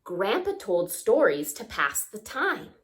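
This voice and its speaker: A woman with a medium-pitched voice reads a picture book slowly to young kids at story time. She brings it to life expressively, mimicking sounds, tossing in asides and questioning her audience.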